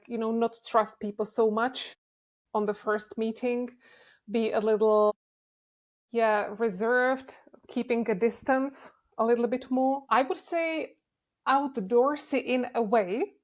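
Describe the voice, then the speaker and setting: A young woman from the Czech Republic, talking as a guest in a casual interview, relaxed and candid. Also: a little high. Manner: relaxed and candid, with frequent restarts and laughs.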